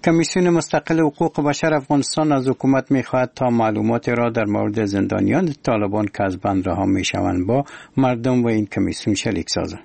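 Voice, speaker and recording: A man with an Afghan accent reading scripted news in a solemn, measured, formal manner as a radio newsreader. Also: mid-range voice, gravelly, darkish tone, no echo. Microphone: close studio microphone.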